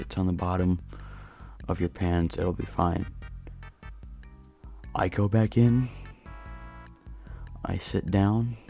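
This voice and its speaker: A young man tells a casual storytime quietly, holding his voice down so as not to wake anyone. His voice is deep and gravelly, with a mellow, dark tone. Faint music plays behind him. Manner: hushed, keeping voice down at night. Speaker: YouTuber telling a story. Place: dark bedroom at home. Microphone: new home mic.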